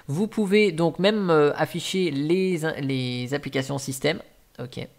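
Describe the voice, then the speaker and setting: A man's voice: on the high side, unhurried, gravelly. Chatty man walking through a phone app. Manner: chatty, many fillers and restarts. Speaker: tech tutorial host. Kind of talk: casual screen-recording walkthrough.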